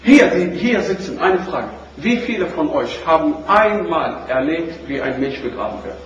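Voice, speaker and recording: High-voiced preacher in an echoey room. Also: male voice, very animated, moderate pace, highs cut off, a little hiss or hum. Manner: swings from loud questions to low, quiet lines, quoting Arabic verses. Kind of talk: sermon to a seated audience. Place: room with an audience. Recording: echoey room recording from far off.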